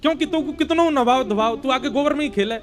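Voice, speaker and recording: A man's voice: very high voice, fast talker, faint music behind, pitched above the performer's own voice. A male preacher voicing Yashoda, a loving mother who scolds her little son fondly. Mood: scolding. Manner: fond scolding.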